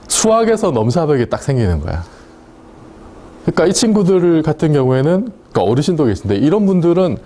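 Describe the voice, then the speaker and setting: A man's voice: on the high side, dark tone. A man giving a university lecture in a casual, chatty way, often asking the class questions and laughing at his own points. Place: lecture room.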